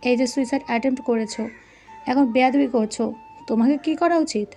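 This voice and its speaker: An angry, jealous young husband, as a woman storyteller puts him on barks short threats in a fairly high voice. Faint music drifts underneath the narration. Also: brisk, mellow. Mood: threatening. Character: hot-tempered jealous young husband, man.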